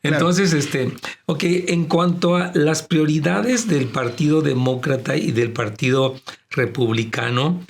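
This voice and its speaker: A man with a Latin American Spanish accent and a strong, projecting voice of fairly high pitch speaks unhurriedly as a pastor hosting a church program. He addresses listeners as brethren, explaining his religious and political views conversationally.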